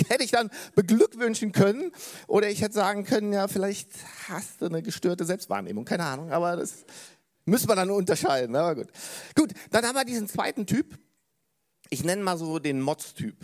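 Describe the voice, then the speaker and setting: A male pastor preaches in a relaxed, chatty way to his church. His voice sits high, and he tells stories and asks the congregation questions. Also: a little fast. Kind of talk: sermon. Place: church service.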